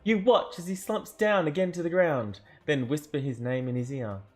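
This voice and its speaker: A man's voice: fairly high pitch, normal speed, darkish tone, faint music behind. A man narrating an interactive fantasy adventure book aloud, theatrical, with joking asides and self-corrections. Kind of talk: dramatic storybook narration.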